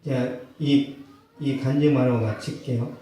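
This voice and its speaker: A male pastor preaching a sermon, telling a personal story with acted quotes and bursts of loud emphasis. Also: medium pitch, steady tone, measured pace, recorded from a distance, a little hiss or hum. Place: church sanctuary. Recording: echoey church hall, mic from afar.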